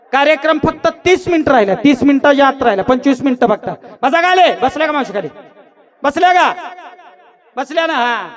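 A man performing a comic folk sermon on stage, shouting and teasing the audience into calling back. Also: very high voice. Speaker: bharud performer.

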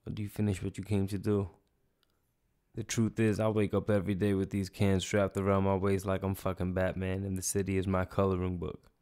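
A man's voice: deep voice, darkish tone, smooth. A man in a short film, trading sardonic, profane banter and narrating in voice-over.

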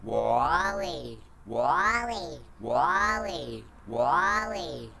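A man's voice sample run through a metallic granular synth filter to sound like a small robot repeating its name, with a gravelly tone and warbling pitch. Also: big pitch swings, extremely slow, sharp tone, exaggerated voice. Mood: chirpy.

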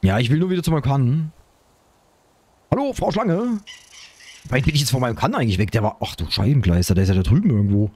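Excitable husky German gamer. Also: male voice, medium pitch, fast, pauses often. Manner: excitable, talks to himself and viewers, frequent exclamations. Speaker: gaming YouTuber. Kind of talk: let's play commentary.

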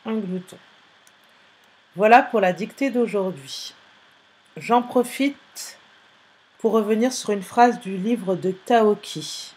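A woman's voice: medium pitch, slow pace, a little mellow. A woman teacher giving a spelling dictation to young pupils, repeating each word and spelling it out letter by letter. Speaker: primary school teacher.

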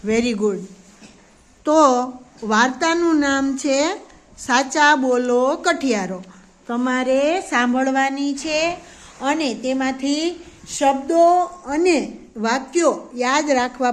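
A woman preschool teacher telling a story to young children, patient and slow, explaining harder words simply. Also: sits high, low-quality recording.

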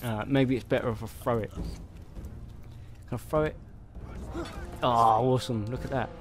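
Faint game music runs in the background as a solo gamer chats casually about his play, chuckling and mumbling to himself. He speaks at a normal speed in a steady, mid-range voice.

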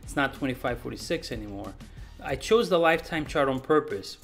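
A man's voice: medium pitch, expressive, fairly quick, gravelly, a bit bright, faint music behind. A man in his forties talking casually through a stock analysis, emphatic and repeating words for stress, recorded at his desk. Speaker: stock market YouTuber. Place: small room indoors.

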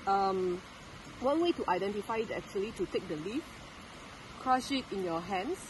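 A woman's voice: medium pitch, expressive, moderate pace, noisy background. A young woman, chatting and explaining in a casual vlog, recorded outdoors in woodland by a stream on a handheld camera. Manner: chatty, explaining as she walks. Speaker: vlogger. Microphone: camera held at arm's length.

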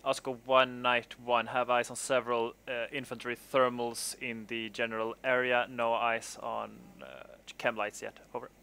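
Guy doing military sim radio calls, really bright crisp tone, clipped phrasing. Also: mid-range voice, flat delivery, normal speed, few pauses. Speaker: military sim gunner on aircraft crew. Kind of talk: radio procedure and casual chat in military game.

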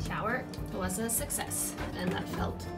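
A woman's voice: mid-range voice, unhurried. Young woman, chatty travel vlog, phone held at arm's length, wind and music behind. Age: young adult. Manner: chatty and upbeat, with frequent fillers. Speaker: vlogger. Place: sailing boat, cabin and open deck. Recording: music playing underneath.

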